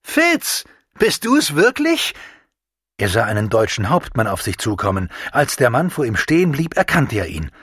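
A man narrating a novel as an audiobook in a measured, expressive reading. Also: lowish voice, husky, no room sound, clean studio sound.

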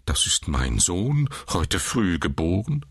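A man's voice: deep voice, sing-song, slow pace, breathy edge, no room sound, studio quality, full character voice. A man voicing a horrified new father who blurts out his lines in desperation. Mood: desperate. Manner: desperate, exasperated outbursts.

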